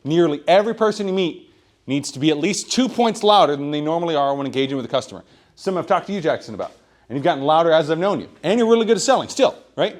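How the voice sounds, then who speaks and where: Male sales coach, fairly high voice, loud and pushy, tag questions throughout. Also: lively intonation, fast. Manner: projects loudly, keeps asking "right?". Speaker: sales trainer. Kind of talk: sales meeting training talk. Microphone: room microphone.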